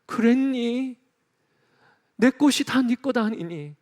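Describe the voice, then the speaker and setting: A male preacher voicing a gentle father who softly consoles his grown son, speaking in a tender, coaxing way during a sermon. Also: extremely high pitch, animated, slow, voice pushed up, heavily acted.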